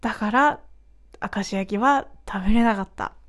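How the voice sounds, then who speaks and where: A young woman hosts her own podcast, casually telling a story in a chatty, animated way. She acts out quoted lines and laughs often, speaking at normal speed in a mid-range voice.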